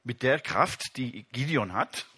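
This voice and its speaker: A man's voice: medium pitch, lively intonation, takes it slowly, sharp tone, breathy edge. A man preaching a sermon, speaking straight to his congregation and reading scripture aloud with emphasis.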